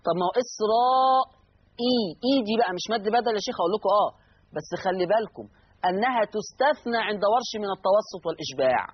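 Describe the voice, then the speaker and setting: Fast-talking husky Egyptian recitation teacher. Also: male voice, high-pitched, expressive, highs cut off. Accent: Egyptian Arabic. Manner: repeats each rule, shifting into slow drawn-out recitation of verse words. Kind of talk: explanatory lesson on Quran reading rules.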